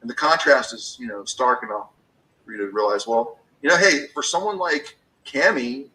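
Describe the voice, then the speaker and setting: A man's voice: mid-range voice, expressive, moderate pace, sharp tone, distant mic, poor audio. A man in his fifties talking casually about business, rambling with many restarts and fillers. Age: 50s.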